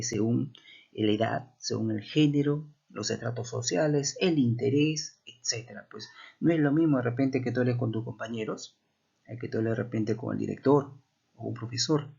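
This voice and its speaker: A man's voice: medium pitch, gravelly, darkish tone, husky, dull audio. A man teaches a language class, explaining step by step and often checking in with rhetorical questions.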